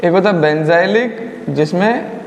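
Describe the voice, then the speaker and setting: High-voiced male chemistry teacher, echoey room. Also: takes it slowly. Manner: mixes English terms, scolds students playfully. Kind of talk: classroom lecture. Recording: echoey room with long reverb.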